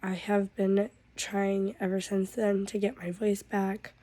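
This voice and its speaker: A woman vlogger whose voice is hoarse and rough from a cold, and she sounds stuffed up and drowsy. She talks slowly in a flat, mellow tone. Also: mid-range voice, dry recording. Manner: drawn-out, weary talk with a cough. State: hoarse from losing her voice. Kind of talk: casual vlog update.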